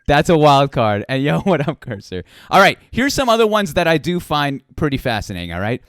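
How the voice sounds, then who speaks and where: A man in his late twenties hosting a casual livestream interview in a playful, animated way, repeating phrases for emphasis, close on the microphone. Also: a little high, fairly quick, dry recording. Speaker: interview show host. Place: small room at home. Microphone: close boom microphone with headset.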